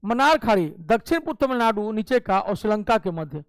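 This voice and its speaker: A man's voice: sits high, very animated, brisk, smooth, dry recording. A male teacher giving an exam coaching lecture, explaining step by step and checking in often with his class. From Bihar. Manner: explains step by step with frequent "ठीक है" check-ins.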